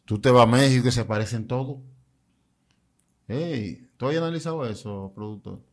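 A man's voice: medium pitch, moderate pace. Man, curious podcast host, casual prompting delivery. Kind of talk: casual religious podcast talk.

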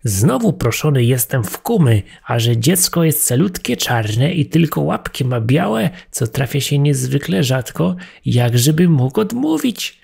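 Man doing a sly greedy tomcat, storybook reading, coaxing, gravelly, husky. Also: medium pitch, sing-song, unhurried, hardly any pauses, a little mellow, pitched above the performer's own voice, exaggerated voice. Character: greedy sly tomcat, smooth-talking then menacing.

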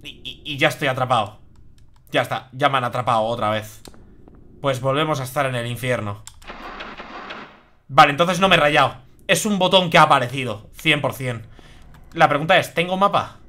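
A man's voice: medium pitch, normal speed, pauses often, bright, forceful tone. A young man from Spain with a Spanish accent, chatting and swearing as he comments on a live horror game. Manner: chatty, swears freely, reacts aloud. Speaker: streamer.

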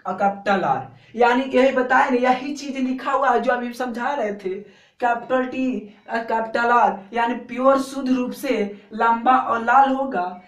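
Bihari-accented man drilling biology answers. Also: extremely high pitch. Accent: Bihari Hindi. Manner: drills answers by repeating them in a chant; colloquial and coaxing, keeps checking "theek hai na". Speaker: biology teacher. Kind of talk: exam-prep lecture. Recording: echoey room.

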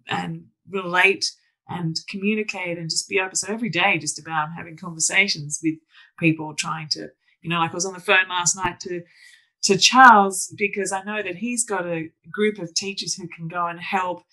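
A woman's voice: fairly low pitch, steady tone, normal speed, pushed and bright, low-quality recording. A woman hosting a podcast interview, talking enthusiastically in long rambling sentences full of restarts. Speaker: podcast host. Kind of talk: conversational interview.

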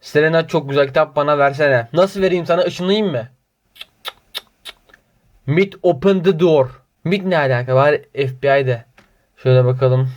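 A man's voice: fairly high pitch, fairly quick. A man reads viewer comments aloud in a casual vlog, answering them with mock outrage and sarcastic teasing. He mutters the same filler phrases over and over in a sing-song way between comments. The audio is slightly dull and lo-fi. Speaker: YouTuber reading viewer comments.

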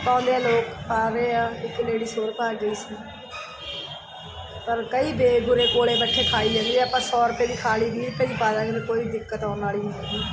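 A woman's voice: on the high side, little pitch movement, a little fast. A woman with a Punjabi accent casually narrating her day for a vlog. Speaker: family vlogger. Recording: very noisy handheld vlog audio.

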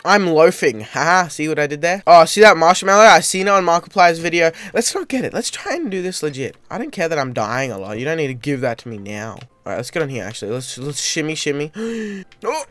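A man giving excitable let's-play commentary as host of his gaming channel, yelping and shouting at every mishap. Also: a little high, a little fast, hardly any pauses, dry recording.

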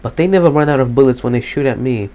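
A man giving casual live gameplay commentary, slightly depressed and monotone, swearing casually. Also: mid-range voice, fast talker, lo-fi sound. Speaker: gaming commentator.

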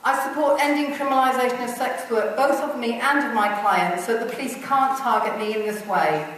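A woman's voice: on the high side, fairly quick, a bit bright, recorded from a distance. Woman reading a statement, echoey room.

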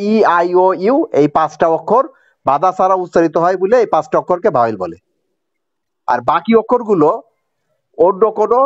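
In this classroom grammar lesson, a male teacher with a Bangladeshi accent and a fairly high voice explains a grammar point to his students. He goes over each rule more than once and keeps checking that they're following along. The audio is dry and slightly muffled.

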